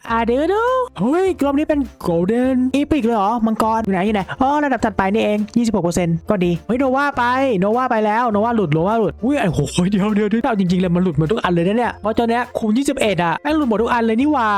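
A young man giving casual, excitable commentary as he plays a video game, exclaiming and joking as he goes. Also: high-pitched. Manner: excitable, exclaims and jokes while playing. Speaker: gaming video creator.

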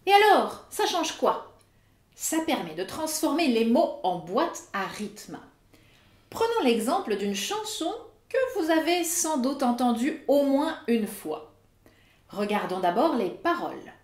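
A woman narrating an educational video as host, with a clear, didactic delivery. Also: on the high side, big pitch swings, unhurried, darkish tone, roomy sound. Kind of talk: scripted explanatory narration.

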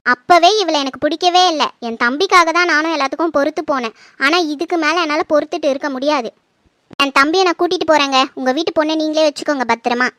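A woman's voice: sits high, fast, a bit bright, dry recording, studio quality. A woman playing an angry older sister who scolds and accuses as she calls off her brother's wedding. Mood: accusing. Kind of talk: home-made family drama.

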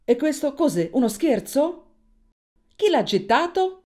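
A woman's voice: high-pitched, big pitch swings, measured pace, darkish tone. A woman playing a strict but fond female French teacher who gives firm instructions, in an Italian film dub.

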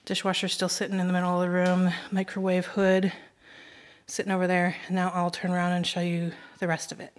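A woman's voice: on the low side, monotone, a little fast. A middle-aged woman chatting casually through a home renovation update, pointing things out with frequent ums, filmed on a handheld phone in a kitchen. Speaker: homestead vlogger. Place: kitchen under renovation, indoors. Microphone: handheld phone camera at arm's length.

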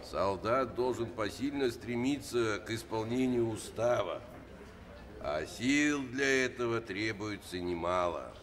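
Sententious middle-aged officer, slow and animated, film comedy, long reverb. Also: male voice, on the low side. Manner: didactic, sententious. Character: middle-aged army officer, pompously philosophical. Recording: reverberant hall, faint background noise.

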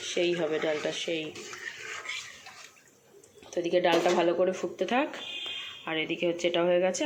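A woman's voice: lowish voice, background noise. A young woman narrating her cooking and housework to viewers in a casual, chatty way, recorded at home on a phone. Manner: chatty, talks straight to viewers with quick asides. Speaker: homemaker vlogger. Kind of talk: casual cooking and chores vlog. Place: home kitchen.

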